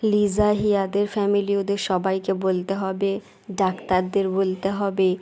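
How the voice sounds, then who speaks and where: A woman's voice: medium pitch, completely flat delivery, moderate pace, mellow, slight background noise. Woman as a fussy, scolding housewife. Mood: bossy. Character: busy, scolding young housewife and mother. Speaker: doll-play storyteller voicing the housewife. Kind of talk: doll-play drama.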